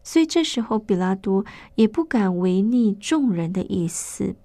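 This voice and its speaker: A woman delivers a scripted Bible teaching at an ordinary middle pitch. She speaks in a measured, explanatory way and asks rhetorical questions, close to the mic in a dry, dead room. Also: expressive, warm tone, no echo.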